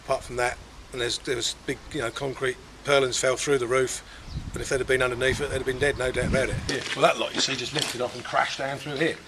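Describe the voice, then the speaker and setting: A man's voice: medium pitch, little pitch movement, quick pace, few pauses. A male farmer, giving a plain-spoken, rambling and matter-of-fact eyewitness interview. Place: outdoors in a farmyard. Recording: outdoor background noise, vehicle sounds.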